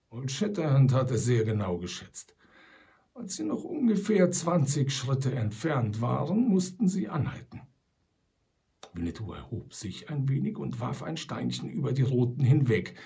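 Gravelly, dark-toned male storyteller. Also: mid-range voice. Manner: dramatic, drops to a whisper at tense moments. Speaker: audiobook narrator. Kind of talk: scripted narration.

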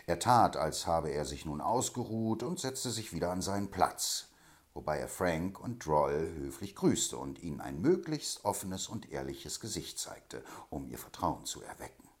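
A man narrating a storybook in an expressive reading style. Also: sits low, unhurried. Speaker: audiobook reader. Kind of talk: scripted narration.

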